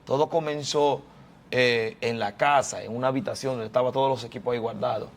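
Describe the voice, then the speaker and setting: A man's voice: mid-range voice, fairly even intonation, brisk, vocal fry. Fervent man preaching his testimony. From Dominican Republic. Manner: fervent storytelling with preacher-like repetition. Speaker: prophet and pastor, interview guest. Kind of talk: testimony in a church interview.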